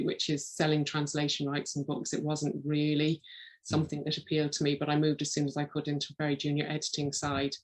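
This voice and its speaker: A middle-aged woman speaks. Her pitch stays fairly level as she recounts her working life in an interview, in the manner of a podcast guest. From Galway, west of Ireland. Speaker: literary agent, podcast guest. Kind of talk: interview answers, personal career storytelling.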